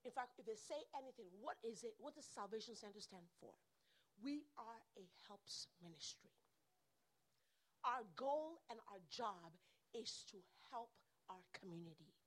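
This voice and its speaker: Dramatic, lively-pitched woman preaching. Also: normal speed. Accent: American. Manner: dramatic swings from loud proclamation to hushed whispers; call-and-response with the congregation. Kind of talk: sermon. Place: church.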